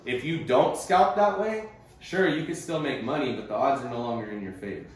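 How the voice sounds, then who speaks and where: A man coaches a group over a conference call, explaining things in a casual, conversational way and tossing around slang like "bro" and "bud." His medium-pitched voice moves a little fast, and the rough recording has heavy reverb plus a little hiss or hum.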